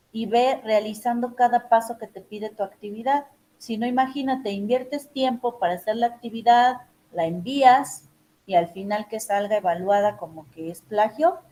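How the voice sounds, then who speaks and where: Woman, teacher, online class, emphatic instructions, somewhat high pitch. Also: warm tone, rough recording. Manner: emphatic, instructive, addresses students directly.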